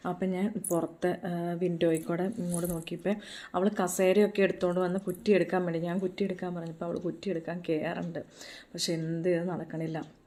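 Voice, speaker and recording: A woman talks casually at home in her kitchen, chatty and repetitive. Her voice sits a little low, and she slips into a coaxing sing-song when she speaks to her small child. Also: little pitch movement, a little fast, dark tone. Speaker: mother and home vlogger. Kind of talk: casual home vlog chat.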